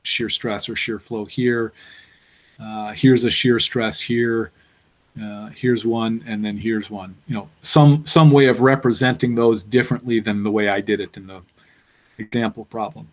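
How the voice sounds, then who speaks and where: A man's voice: lowish voice, steady tone, measured pace. Man explaining an engineering lecture. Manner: explanatory, thinking aloud with fillers. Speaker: university lecturer.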